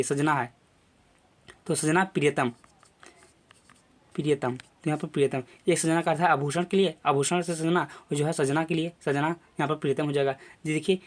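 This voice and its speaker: A young adult male teacher giving a classroom lecture video, explaining step by step with lots of repetition and filler phrases. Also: a little high.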